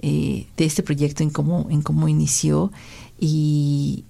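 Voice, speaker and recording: Low, mellow woman hosting an interview. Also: little pitch movement, slow pace, creaky. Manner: long, winding questions with filler sounds. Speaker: interview host. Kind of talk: interview questions.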